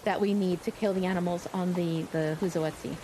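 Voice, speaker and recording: A woman's voice: fairly low pitch, fairly quick. A woman live streaming a game, chatting casually and effusively with her viewers and swearing freely. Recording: steady noisy ambience behind voice.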